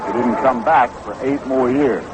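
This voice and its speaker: At normal speed and in a mid-range voice, an American announcer gives 1960s-style radio play-by-play of a baseball game from an outdoor ballpark booth. It has the noisy sound of a vintage 1960s broadcast.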